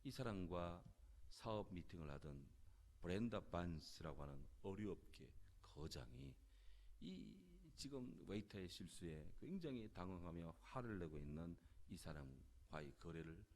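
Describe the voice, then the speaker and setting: A male pastor preaching a sermon and reading scripture, swinging from loud emphasis to near-whispers. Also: sits low.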